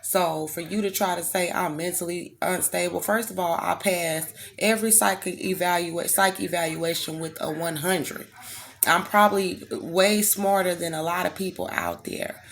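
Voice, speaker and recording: Woman, low-pitched, strained throat, defensive, emphatic monologue. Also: moderate pace, gravelly. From United States. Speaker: vlogger. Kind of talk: direct-to-camera monologue.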